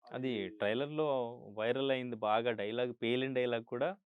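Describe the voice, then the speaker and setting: A man interviewing, mostly giving brief quiet interjections, heard further from the mic. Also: mid-range voice, fairly even intonation, a little fast, clean tone, dry recording, narrow, tinny audio.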